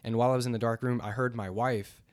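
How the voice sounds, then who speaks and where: A man's voice: medium pitch, fairly even intonation, fast, darkish tone, dry recording. A young man sharing a faith testimony in casual chat, earnest and rambling, with many fillers and restarts.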